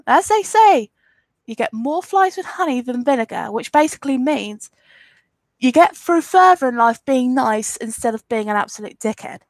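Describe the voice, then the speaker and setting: An English YouTuber in her twenties, with an Essex accent and a sniffly cold, hosts a live Q&A, reading comments in a chatty, rambling way and answering frankly, even defiantly toward trolls. Her voice is high-pitched and animated at a moderate pace. The recording is dry.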